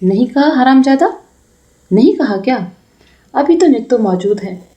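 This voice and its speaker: A woman voicing a quarrelsome, spiteful old grandmother in a told story, with sharp scolding speech. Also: on the high side, lively intonation, a little slow. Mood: shouting. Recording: roomy, dull lo-fi recording.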